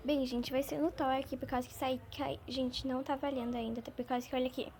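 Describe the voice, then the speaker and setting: Girl gamer rambling nonstop over her game, high voice, kinda soft and mellow. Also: fast talker, a little hiss or hum. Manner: chatty, rambling and excitable. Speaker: gaming channel host. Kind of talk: gameplay commentary.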